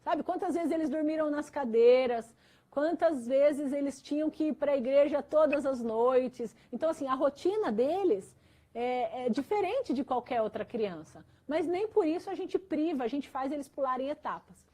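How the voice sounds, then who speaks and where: A pastor with a Brazilian Portuguese accent recounts a personal story with earnest feeling and plenty of fillers, as testimony during a church interview. She has a high, expressive voice with a dark tone and speaks at a moderate pace.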